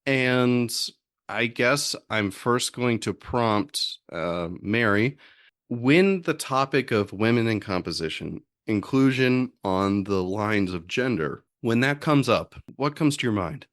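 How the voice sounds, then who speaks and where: A man's voice: medium pitch, expressive, takes it slowly, fairly bright tone, no room sound, clean studio sound. A man hosting a podcast roundtable, introducing the topic with wry self-corrections. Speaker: podcast host.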